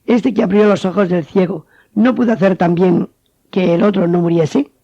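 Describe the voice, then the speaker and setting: Hombre haciendo de sacerdote severo, reprochador, voz alta y apagada. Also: male voice, high-pitched, steady tone, normal speed, vocal fry, dark tone, dry recording. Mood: stern. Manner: stern, reproachful. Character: skeptical priestly elder, cold and scheming. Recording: dull, dry studio sound.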